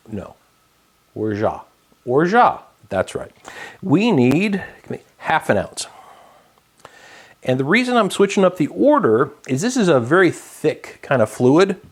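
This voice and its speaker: A man hosting his own cocktail vlog, explaining a drink step by step in a relaxed, chatty way with many fillers. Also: on the high side. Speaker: home bartender host. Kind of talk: casual cocktail-making vlog.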